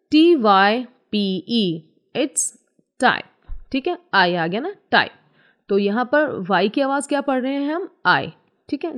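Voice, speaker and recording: A woman gives a spoken English pronunciation lesson. She explains in Hindi, spells out each English word slowly and repeats it several times. She checks in often with her listeners as she goes. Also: a little high. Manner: frequent "theek hai" check-ins. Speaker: English teacher.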